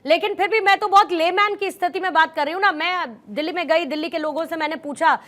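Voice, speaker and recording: A woman's voice: very high voice, quick pace, bright, forceful tone. A woman moderating a TV news debate as host, interjecting and pressing guests with pointed questions.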